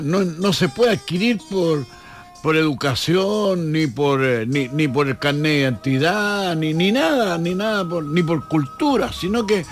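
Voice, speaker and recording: A Chilean man, a historian, answering in a radio interview, thoughtful and often restarting his words. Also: on the high side. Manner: hesitant, repeats words, reflective. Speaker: historian guest.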